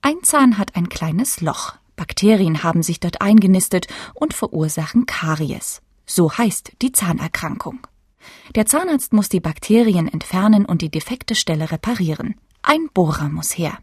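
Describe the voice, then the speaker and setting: A woman narrating a children's educational film in a calm, clear, explanatory way. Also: lowish voice, normal speed, no room sound.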